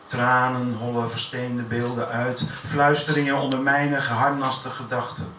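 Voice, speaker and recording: A man recites his own poetry in a café, pacing each line with measured, deliberate pauses. His voice sits mid-range and comes from well back in an echoey room. A steady hiss of noise runs under it. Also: mid-range voice. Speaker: poet. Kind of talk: poetry reading at a live event. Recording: echoey room from far off, noisy.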